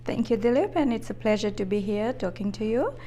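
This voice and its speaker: A woman in her fifties from Fiji, an executive answering interview questions in a measured, thoughtful way with frequent hesitations. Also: fairly high pitch, lively intonation, warm tone, slight background noise. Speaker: interview guest, business executive.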